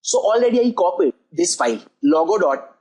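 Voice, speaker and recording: Husky-voiced coding tutor. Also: mid-range voice, very animated, brisk, a little mellow, poor audio. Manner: methodical, repeats "as you can see over here". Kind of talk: screen-recorded coding tutorial.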